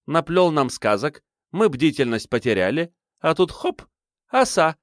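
A man's voice: fairly high pitch, sing-song, unhurried, dry recording, clean studio sound, pitched above the performer's own voice. A man voicing a suspicious, spiteful middle-aged woman in an audiobook. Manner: sneering, spiteful.

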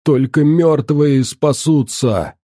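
A man's voice: fairly high pitch, dark tone, no room sound, clean studio sound, voice pushed up. A man voicing a hissing, menacing old hag. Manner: hissing, drawn-out.

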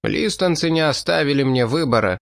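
A man's voice: fairly high pitch, animated, fairly quick, dry recording, clean studio sound, pitched above the performer's own voice. A man reading an audiobook, voicing a hard, ruthless French marquis who speaks in a blunt, ironic and contemptuous way. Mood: scornful.

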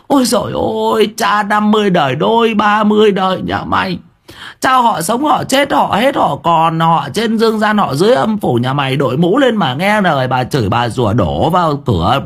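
A man's voice: high-pitched, fairly bright tone, heavily acted. A man voicing a village wife who rants rhythmic curses at a chicken thief, reading an audio story.

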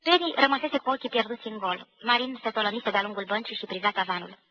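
A woman reading a novel aloud in a measured, expressive way, recorded for radio in 1990. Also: fairly high pitch, dull audio. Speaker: reader. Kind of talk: scripted literary narration.

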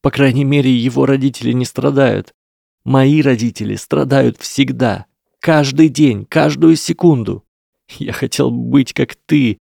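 A man's voice: medium pitch, fairly even intonation, normal speed, vocal fry, darkish tone, slightly rough, no room sound, studio quality, pitched above the performer's own voice. A man voicing a desperate, weeping young boy wizard who trembles, pleads and then screams, in an audiobook reading. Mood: anguished. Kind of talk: audiobook character voice.

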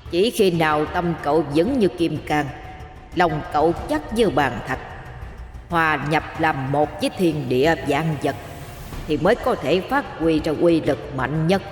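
A woman voicing a solemn ancient male spirit that speaks from within a magic bow, slow and grave, with an echo effect. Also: low voice, animated. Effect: echoing reverb. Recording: echoey long reverb, faint music.

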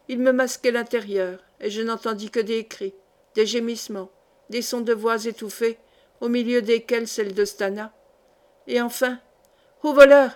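Woman narrating a classic short story. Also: on the high side. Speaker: audiobook reader. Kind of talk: literary narration.

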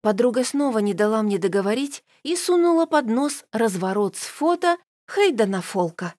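A woman tells a first-person audiobook story with expressive delivery. Her voice sits high and the recording is dry and close. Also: moderate pace, dry recording. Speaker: audiobook narrator.

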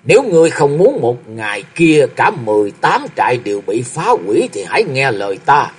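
A man's voice: medium pitch, very animated, fairly quick, slightly rough. A man voicing a stern old male martial arts master, half-paralysed and over fifty, who speaks in a grave, commanding way and often sighs.

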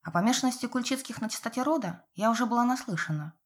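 A woman narrating a novel aloud in a wry, lively storytelling manner. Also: on the high side, quick pace. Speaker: audiobook narrator.

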